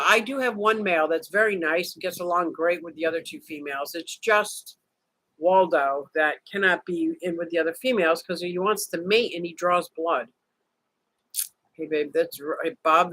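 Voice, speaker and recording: There is no room sound around this fairly bright, medium-pitched voice. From a vacation room, the livestream host reads chat, jokes with viewers and greets them by name in a laid-back live chat.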